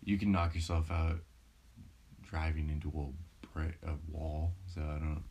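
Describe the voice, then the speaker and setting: Young American male podcast host, low-pitched and husky, casual slangy joking, cheap phone-mic recording. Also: little pitch movement, unhurried, darkish tone. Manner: crude, slangy. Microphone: one shared phone.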